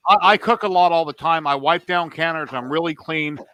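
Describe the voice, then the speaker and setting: A man's voice: a little high, fairly quick, pushed and bright. A man in his fifties hosting a livestream, telling rambling stories in casual chat. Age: 50s. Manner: rambling storyteller. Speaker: livestream host.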